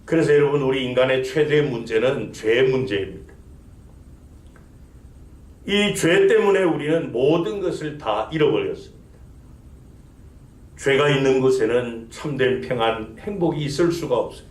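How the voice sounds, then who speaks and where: A man's voice: mid-range voice, normal speed, long pauses. Man, pastor, sermon, emphatic rhetorical questions, echoey sanctuary. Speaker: senior pastor. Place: church sanctuary.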